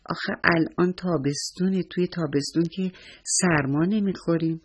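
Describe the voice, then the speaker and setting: A man voicing a polite little boy who is sick, speaking softly and obediently. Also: on the high side, fairly even intonation, husky. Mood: gentle. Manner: soft, obedient.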